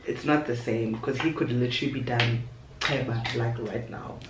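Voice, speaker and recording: Recorded by a camera placed a little away on her desk, this young woman's low-pitched voice comes across distant and slightly off-mic, with roomy echo and background noise. She's a beauty vlogger at her bedroom vanity, talkative and playful, making asides while doing her makeup during a casual tutorial.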